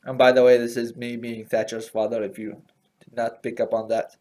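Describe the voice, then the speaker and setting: A man's voice: medium pitch, level tone, a little fast, darkish tone. A man doing a rambling, profane stand-up comedy monologue, full of fillers and asides.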